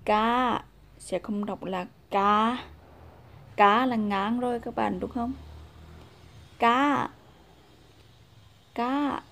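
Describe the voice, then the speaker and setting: A woman whose first language is Vietnamese teaches a casual language lesson at a slow, unhurried pace. She talks patiently, with a voice neither high nor low, repeating example sounds and pausing with soft fillers. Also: steady tone, gravelly.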